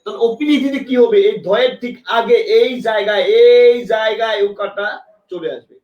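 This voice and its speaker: A man's voice: high-pitched, fast talker, roomy sound, muffled recording. A man with a Bangladeshi Bengali accent teaching a live exam-prep lesson, repeating points and quizzing students with questions. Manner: emphatic, urges attention.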